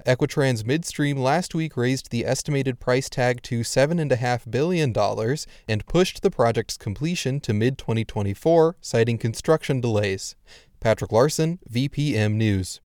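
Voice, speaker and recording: A man's voice: mid-range voice, darkish tone, dry recording, clean studio sound. A man delivering a scripted radio news report as a reporter.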